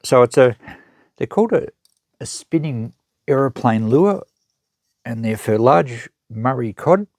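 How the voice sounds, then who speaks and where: An Australian man with a mid-range, slightly mellow voice hosts an unboxing, chatting casually and matter-of-factly as he thinks aloud and shows items. He's animated yet a little slow, with long pauses, recorded clean in a studio with no room sound. He runs an unboxing channel and sells in a secondhand shop, giving unscripted show-and-tell commentary.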